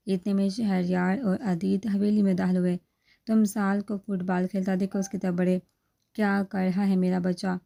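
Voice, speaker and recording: Soft-toned woman reading a novel aloud. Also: medium pitch. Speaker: novel reader.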